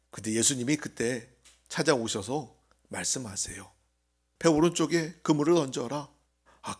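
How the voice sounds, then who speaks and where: A man, a pastor, preaching a sermon in church, earnest, rising to loud appeals and dropping to near whispers. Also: on the high side. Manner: earnest preaching, swells loud then drops to a hush. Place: church sanctuary.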